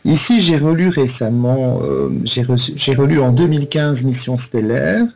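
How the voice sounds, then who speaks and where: A man, co-hosting a casual podcast chat and talking in a halting way, with many restarts. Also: medium pitch, vocal fry, a little mellow. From Belgium. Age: 40s. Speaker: podcast co-host.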